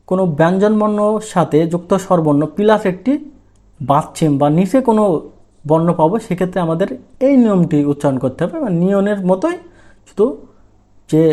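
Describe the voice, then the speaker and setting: A man's voice: sits high, warm tone. A man teaching a language lesson, explaining step by step and often asking a question and then answering it himself. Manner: asks and answers his own questions.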